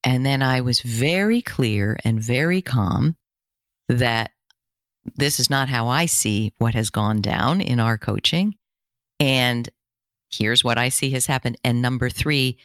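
A middle-aged woman, a career coach, chatting as a guest in an interview and telling stories in lively, quick bursts. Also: very deep voice, dry recording, studio quality. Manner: animated storytelling, quick bursts. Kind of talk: casual interview chat.

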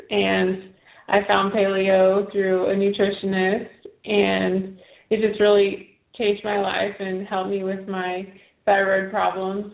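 Female interview guest, even delivery with fry, roomy phone-quality sound. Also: mid-range voice. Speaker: guest author. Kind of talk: casual personal storytelling in interview. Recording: roomy, tinny phone-like call.

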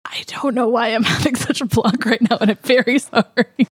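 A woman's voice: fairly high pitch, a little fast, breathy edge, no echo. Woman player, giggly and self-mocking, dry close recording. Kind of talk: casual tabletop game play.

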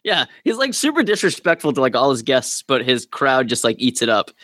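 A man's voice: mid-range voice, sing-song, a little fast, sharp tone, no echo, studio quality. A man on a podcast panel in casual chat, with loose, hesitant phrasing full of fillers.

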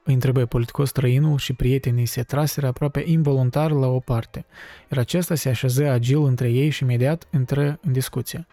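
A man narrating a novel aloud in a measured, expressive reading. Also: mid-range voice, dry recording, faint music behind.

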